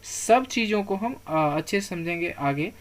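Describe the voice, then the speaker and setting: This high-voiced man, whose intonation is lively, walks learners through grammar terminology on slides. Key words get repeated slowly for pronunciation, he answers his own questions, and he tells his audience there's no need to worry.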